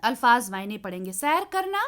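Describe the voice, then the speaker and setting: High-voiced woman teacher, super animated, keeps asking the kids then answering herself. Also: normal speed. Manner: asks children questions and answers them herself; calls the children "beta" fondly. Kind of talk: online class lesson for children.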